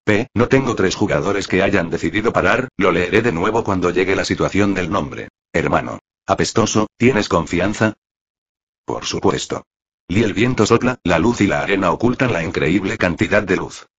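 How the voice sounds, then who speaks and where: A man reading a translated web novel aloud in a flat, machine-like way. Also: sits low, a little fast, hardly any pauses, breathy edge. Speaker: narrator. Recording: dull lo-fi audio.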